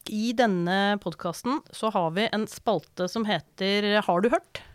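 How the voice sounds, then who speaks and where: A woman's voice: mid-range voice, over music. A woman hosting a podcast, interviewing a guest and closing the episode in an articulate, upbeat way. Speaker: podcast host.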